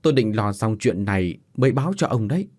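A young country wife, startled awake and answering quickly in surprise. A man puts her on while telling the story, with a husky voice that swings up and down. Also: on the low side, lively intonation, darkish tone. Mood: surprised.

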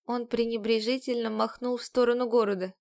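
A woman's voice: on the high side, flat delivery, normal speed, darkish tone. Woman narrating an audiobook in first person.

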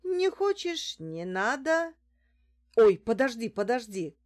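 A woman reading an audiobook, voicing an excitable, pushy male street hustler who shouts and haggles. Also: on the high side, takes it slowly, pitched above the performer's own voice. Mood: haggling.

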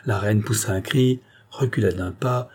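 Guy reading an audiobook, low dark husky voice, steady. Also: moderate pace. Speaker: audiobook reader. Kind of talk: scripted narration.

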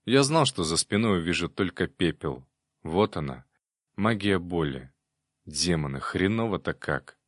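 A man narrating a fantasy novel in the first person, reading in an even, steady way. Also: low voice, unhurried, no room sound, studio quality. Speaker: audiobook narrator.

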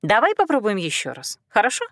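A woman voicing a gentle but firm young woman student who speaks softly and coaxingly. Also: medium pitch, wildly swooping pitch, no room sound, studio quality, full character voice. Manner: soft, coaxing and slow.

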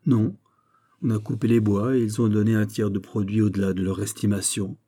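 A man's voice: on the low side, level tone, brisk, warm tone, natural voice. A man voicing Porthos, a proud plump nobleman, speaking in a mournful, earnest way. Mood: gloomy.

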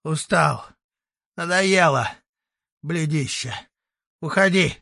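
A man's voice: a little high, slow, pushed and bright, no room sound, studio quality, voice pushed up, heavily acted. Man doing a spiteful old hermit sorcerer. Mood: angry. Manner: gruff, mocking, barking. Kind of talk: audiobook character voicing.

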